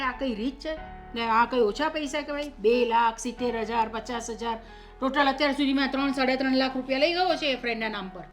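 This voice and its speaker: A middle-aged mother-in-law who keeps pressing and listing grievances. Her voice sits a little high and firm. A soft score plays under the scene of this family drama. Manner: accusing, insistent, lists sums and grievances. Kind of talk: short-film drama acting. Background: soft background music.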